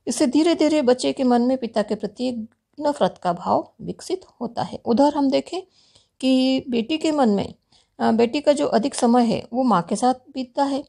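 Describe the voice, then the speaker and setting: A woman philosophy lecturer delivers a recorded university lecture in a steady, explanatory way. Her voice sits a little high, with a gravelly fry and a warm, mellow tone. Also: normal speed.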